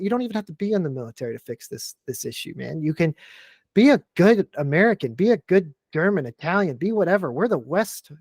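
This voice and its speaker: A man on a podcast launches into a heated, profanity-laced rant, his voice jumping between loud bursts and quieter asides. The sound is close and dry, with no room around it. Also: high-pitched, no echo. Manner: profane, fired-up ranting. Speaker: podcast guest. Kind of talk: casual podcast chat.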